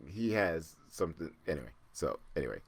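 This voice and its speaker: A man in his fifties hosting a casual solo podcast, rambling and chatty, with asides and quick laughs. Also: extremely low pitch, big pitch swings, husky, no echo. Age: 50s. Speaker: podcast host.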